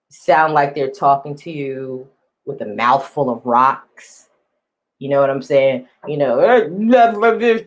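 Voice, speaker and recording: A woman's voice: low-pitched, rough recording. A woman hosting a casual online chat who talks in a blunt, profane, emphatic way. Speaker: host.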